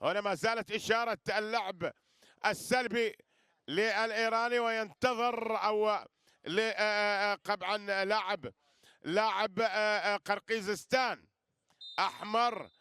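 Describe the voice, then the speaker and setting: A man's voice: high-pitched, normal speed, pushed and bright, clean tone, no room sound, clean studio sound. A man giving live wrestling commentary, repeating phrases and addressing listeners with flourishes. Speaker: sports commentator.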